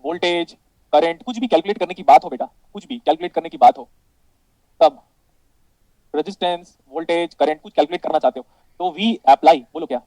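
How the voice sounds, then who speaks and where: A man with an Indian accent lectures a class on electronics, switching between Hindi and English. His voice sits high yet sounds dark and mellow, and the sound is dry and close. He quizzes the students, calls them "beta" and jokes with the class. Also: a little fast, pauses often, no echo, rough recording. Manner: calls students "beta" and keeps asking if it is clear. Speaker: electronics teacher.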